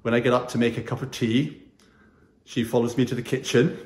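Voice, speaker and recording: A man in his sixties, a chaplain, giving a gentle, earnest chapel talk to pupils, recorded on a camera at mid distance in a small wood-panelled room. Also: mid-range voice, flat delivery, brisk. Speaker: school chaplain. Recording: roomy echo.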